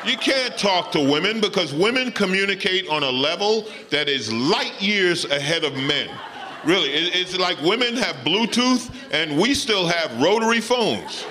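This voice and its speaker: A male comedian confides and teases his way through a stand-up bit. His voice is high and bright, with faint room noise behind it. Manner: confiding and teasing toward the audience. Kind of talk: stand-up routine.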